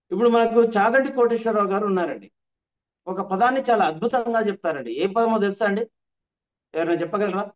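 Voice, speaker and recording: A man's voice: sits high, lo-fi sound. A man teaching an online workshop, repeating his points with emphasis. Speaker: trainer.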